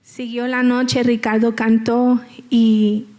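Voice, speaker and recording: A woman's voice: on the high side, little pitch movement, takes it slowly, mellow. A woman telling her personal story as a church testimony, in a conversational way that repeats phrases and checks in with the audience. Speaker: guest speaker giving testimony.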